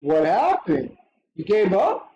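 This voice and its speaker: A man hosting a live stream, reacting to a fight in short, excitable bursts and swearing freely. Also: high-pitched, slow, creaky, lo-fi sound. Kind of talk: casual live watch-along commentary.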